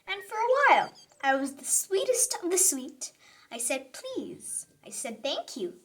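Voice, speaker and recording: Over background music, a woman reads a children's picture book aloud in a theatrical, emphatic narrating style. Her voice is high-pitched and very animated, and her pace is a little slow.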